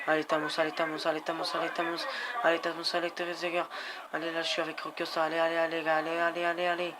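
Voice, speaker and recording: A man playing a cycling game, commentating excitedly, swearing and cheering his riders on. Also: on the high side, fast talker. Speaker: gamer. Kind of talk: let's-play commentary. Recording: background noise.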